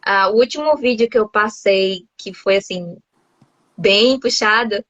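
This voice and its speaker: A woman's voice: medium pitch, unhurried, fairly bright tone, dry recording. Brazilian woman chatting on a video call, laughs a lot, kinda muffled lo-fi sound. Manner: chatty, laughs often, many restarts. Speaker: host, English teacher living abroad. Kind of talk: casual video-call chat.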